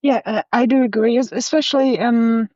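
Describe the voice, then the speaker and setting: A woman's voice: a little high, moderate pace, mellow, no room sound, lo-fi sound. Hesitant young woman interviewer from Kazakhstan. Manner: hesitant, many fillers. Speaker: podcast host. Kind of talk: interview questions.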